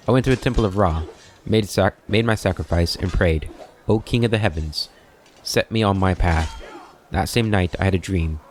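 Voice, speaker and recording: A man reading the lines of a disciplined veteran soldier who speaks in a formal, measured way. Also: deep voice, a little mellow, a little hiss or hum, close to an everyday voice.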